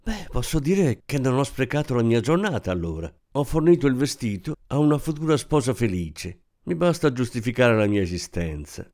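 A man's voice: mid-range voice, sing-song, moderate pace, few pauses, darkish tone. A man voicing a chatty, effusive woman who sells dresses, with gushing sales patter. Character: chatty middle-aged woman dress seller.

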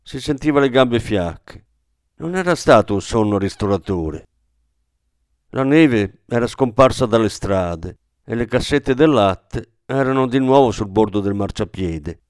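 Measured male audiobook narrator, dry sound. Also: lively intonation, dry recording. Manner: measured storytelling, lifts pitch for quoted voices. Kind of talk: scripted narration.

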